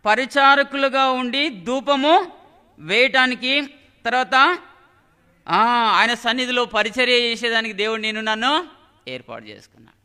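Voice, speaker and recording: Brief: male preacher, very high and sharp voice, smooth, keeps quizzing the congregation. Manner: keeps asking the congregation rhetorical questions. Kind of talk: sermon. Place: church hall. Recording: long hall reverb.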